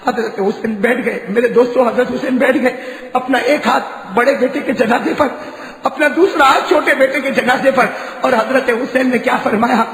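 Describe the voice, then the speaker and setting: A man preacher giving an impassioned sermon, repeating phrases, asking the gathering questions and swinging from hushed tones to shouts. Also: very high voice. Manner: asks the crowd questions and addresses them as dear ones. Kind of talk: Muharram sermon. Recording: echoey hall reverb.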